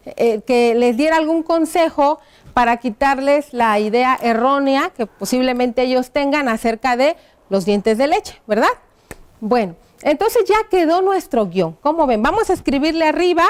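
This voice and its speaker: A woman teaching a primary school lesson on TV, talking slowly and patiently and spelling out each word as she writes, checking in with the children. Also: high-pitched. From Mexico. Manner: asks the pupils rhetorical check-in questions. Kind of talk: classroom lesson on TV.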